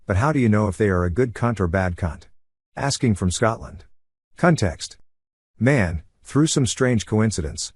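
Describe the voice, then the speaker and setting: Low-voiced man reading forum posts. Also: a little mellow, no echo, studio quality. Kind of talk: scripted reading of online comments.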